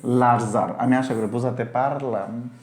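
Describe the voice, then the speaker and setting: A man's voice: mid-range voice, steady tone, normal speed, a little mellow. Bengali-speaking man teaching live in an echoey room. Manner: explains step by step, often asks the class if they understood; reads out viewers' comments and answers them. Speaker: online English teacher. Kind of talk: live-streamed Bengali grammar class.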